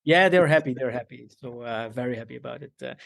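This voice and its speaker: A man with an Italian accent, a tailor raised in Belgium, speaking haltingly in a casual interview as the guest. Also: medium pitch, creaky, a bit bright. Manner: halting, repeats words.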